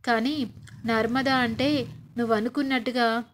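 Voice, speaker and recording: A woman's voice: fairly high pitch, steady tone, normal speed, slight background noise, natural voice. A woman voicing a clever young wife who answers back with cutting, indignant retorts. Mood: firm. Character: clever young wife, proud and quick-witted.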